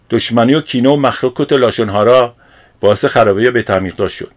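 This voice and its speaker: A man, a religious teacher, preaching a sermon in an earnest, explanatory way and posing rhetorical questions. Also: medium pitch. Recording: dull lo-fi recording.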